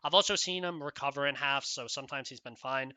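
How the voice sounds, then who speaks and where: A man's voice: medium pitch, fast talker, pushed and bright, dry recording. A man giving rambling solo esports commentary, casual, with many fillers and "right?" tags.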